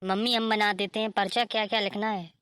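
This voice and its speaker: A woman's voice: medium pitch, fairly even intonation, a little fast, a bit bright, smooth, no room sound, clean studio sound, natural voice. A woman voicing a kind, supportive young sister-in-law in a cartoon story. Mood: reassuring. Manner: reassuring, kind.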